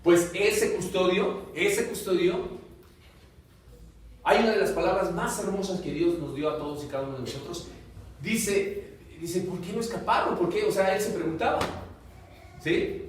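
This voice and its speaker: A man preaching a sermon and leading a closing prayer, with sudden loud exclamations that give way to quiet, soft prayer. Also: sits high, a little slow, pauses often, a little hiss or hum. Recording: very echoey room, voice far from the mic.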